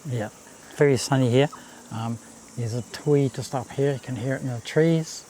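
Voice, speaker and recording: Mellow New man outdoors by a creek. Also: medium pitch, normal speed. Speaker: walking vlog host. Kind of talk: casual nature walk commentary. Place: outdoors on a bush walkway and swing bridge by a creek. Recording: outdoor ambience, faint insect noise. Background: cicadas, birds, babbling creek.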